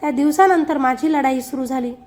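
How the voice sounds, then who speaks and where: High-voiced woman narrating an emotional story. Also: brisk, a little mellow, soft background music. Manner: emotional, grieving mother's voice. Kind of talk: scripted first-person story narration.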